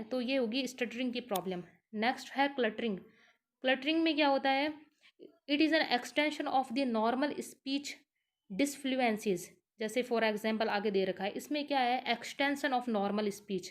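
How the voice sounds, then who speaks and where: A woman teacher, explaining a lesson in Hindi and reading English definitions slowly. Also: fairly high pitch. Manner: repeats "ठीक है" and "क्या है" as fillers. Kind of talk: lecture explaining slides.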